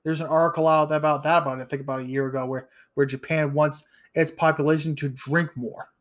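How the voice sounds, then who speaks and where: A man in his thirties hosts a solo podcast in a blunt, profane rant. His voice sits slightly high for a man, and he often restarts his sentences as he pushes his points. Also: little pitch movement, a little fast. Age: 30s. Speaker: podcast host. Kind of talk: ranting solo podcast commentary.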